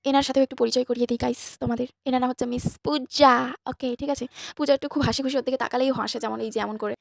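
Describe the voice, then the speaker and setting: A young woman with a Bengali accent, slightly hoarse, chatting and teasing her friends as she narrates a casual vlog to viewers. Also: high voice, steady tone, very fast, no echo, clean studio sound. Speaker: vlogger.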